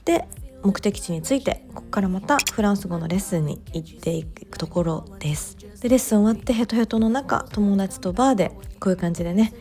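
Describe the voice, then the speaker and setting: A woman narrating her vlog in a relaxed voice-over, chatty and gently enthusiastic, with soft fillers. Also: mid-range voice, brisk, soft background music. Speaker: bookstore owner vlogger.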